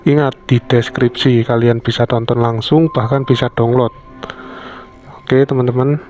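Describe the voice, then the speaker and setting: A man with a bassy voice, hosting a casual video commentary and addressing viewers informally, sometimes crudely. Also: a little mellow. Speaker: YouTube host. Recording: dull lo-fi audio, music behind. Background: prominent background music.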